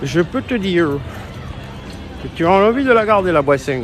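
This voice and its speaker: A man's voice: high voice, very animated, moderate pace. A man hosting a casual live vlog from an outdoor theme park on his phone, chatty and slangy, swearing now and then. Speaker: livestream host. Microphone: handheld phone. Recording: park music and crowd noise behind.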